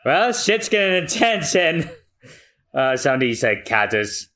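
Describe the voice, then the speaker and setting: Casual co-host guy, bright slightly high voice, takes his time. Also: sing-song, a little slow. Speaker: podcast co-host. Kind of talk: casual chat.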